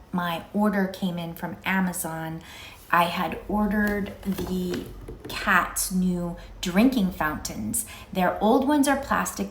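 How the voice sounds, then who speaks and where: A woman's voice: fairly low pitch, a little hiss or hum. Woman in her fifties, echoing stairwell. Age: 50s. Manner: rambling, musing, conversational. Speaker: vlogger. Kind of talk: casual, reflective solo vlog chat. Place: indoor stairwell of a house.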